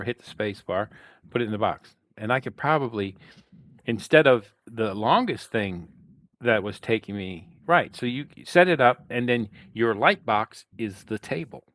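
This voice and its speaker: Fairly low and a bit bright, this man's voice has no echo. He's a reselling podcast co-host chatting loosely through a headset, swearing, drifting off topic, and repeatedly restarting what he's saying.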